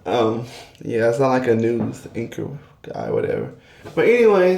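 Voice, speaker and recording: A man's voice: mid-range voice, darkish tone. A man from Georgia chatting casually about reality TV as a vlogger, rambling with many fillers. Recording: echoey room.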